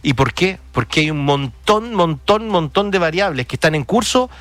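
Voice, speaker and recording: A man's voice: fairly high pitch, animated, moderate pace, a bit bright, no echo. A man hosting radio news, commenting emphatically with rhetorical questions and fillers.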